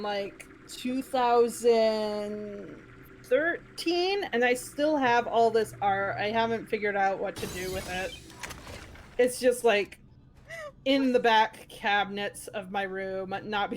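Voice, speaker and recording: A woman's voice: on the high side, slow. A woman chatting casually and jokingly as a co-commentator on a game stream. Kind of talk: casual chat. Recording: clear background noise.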